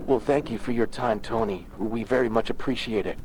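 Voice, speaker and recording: A man speaking as a field reporter in an old newsreel, with a formal, measured sign-off. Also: lowish voice, music in the background. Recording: noisy distant field recording.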